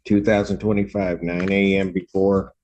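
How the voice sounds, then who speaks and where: A man speaking as a judge, giving rulings from the bench in a formal, deliberate way. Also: low voice, level tone, darkish tone, muffled recording.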